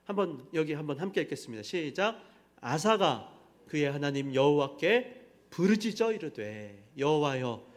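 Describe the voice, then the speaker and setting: A middle-aged male pastor delivers a sermon in a church sanctuary, his voice pitched high. He presses the congregation with emphatic rhetorical questions, then drives home each point. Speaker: senior pastor.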